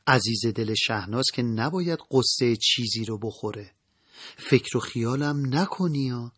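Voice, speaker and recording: A selfless young mother speaks softly and gently, reassuring her family in a quiet, slightly husky voice, as a male storyteller reads her lines. Her pitch sits in an ordinary middle range and stays calm and tender. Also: no room sound, studio quality.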